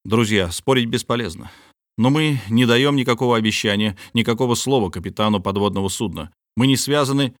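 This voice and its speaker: A man's voice: mid-range voice, fairly quick, no echo, studio quality, natural voice. A man voicing a polite but indignant scholar held captive, speaking formally and pleadingly. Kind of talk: audiobook character reading.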